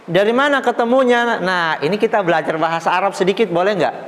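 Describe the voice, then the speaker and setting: High-voiced man teaching in a reverberant hall. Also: quick pace, a bit bright. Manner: patient, reassuring, with light joking asides; explains step by step while writing on a board. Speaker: Islamic religious teacher. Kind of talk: Islamic study class teaching Arabic grammar.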